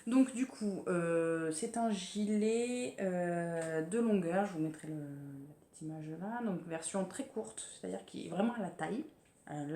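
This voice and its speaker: A French woman with a fairly low, warm voice chats hesitantly on a casual sewing podcast about her projects, filling gaps with fillers and restarting often. As a sewing vlogger, she's recorded in an echoey room with faint ambience and slight background noise.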